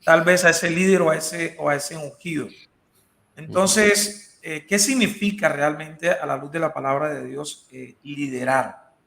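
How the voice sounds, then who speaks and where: A man's voice: a little high, steady tone, unhurried, gravelly, fairly bright tone. A man hosting a church discussion program, welcoming his guests and speaking with many fillers. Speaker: host. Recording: echoey room.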